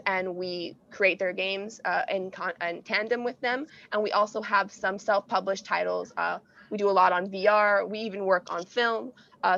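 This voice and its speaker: A woman's voice: mid-range voice, gravelly, a bit bright, no echo, lo-fi sound. An American woman hosting an online panel, talking in a casual, chatty way with many fillers. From United States. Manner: friendly, chatty with frequent fillers. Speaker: panel host, technical animator.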